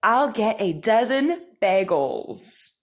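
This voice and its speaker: A speech teacher, a woman, runs an articulation drill, over-enunciating practice sentences with careful, deliberate encouragement. Her voice is medium in pitch and swings widely up and down.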